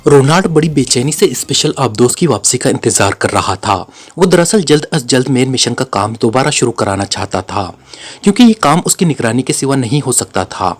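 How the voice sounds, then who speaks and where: A man narrating a spy novel aloud in a dramatic, expressive storytelling manner. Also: medium pitch.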